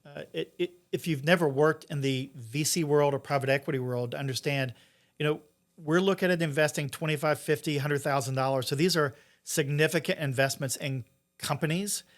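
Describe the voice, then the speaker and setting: A man's voice: fairly high pitch, brisk. A middle-aged man speaking conversationally as a guest in an interview, explaining things informally. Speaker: interview guest, entrepreneur and investor.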